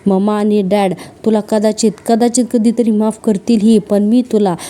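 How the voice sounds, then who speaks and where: A woman's voice: mid-range voice, flat delivery, normal speed, dark tone, close to an everyday voice. A woman reading the lines of an angry, unforgiving young husband in her own voice. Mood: bitter. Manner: bitter, resolute.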